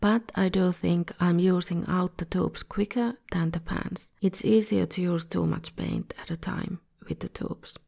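A woman's voice: lowish voice, fairly even intonation, measured pace, vocal fry, few pauses, darkish tone. A woman with a slightly scratchy voice, a bit under the weather, narrating an art tutorial as its host in a scripted style. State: a bit ill. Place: voice-over recording.

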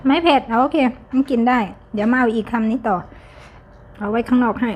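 A woman from Thailand, a mother chatting at home in a casual vlog, gently teasing her child with chatty asides to the camera. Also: a little high, fairly even intonation, fairly quick, muffled recording, slight background noise. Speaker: vlogger and mother. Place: home kitchen.

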